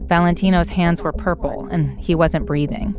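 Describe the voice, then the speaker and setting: A woman narrating a documentary podcast in a measured, matter-of-fact scripted style. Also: lowish voice, steady tone, vocal fry, over music.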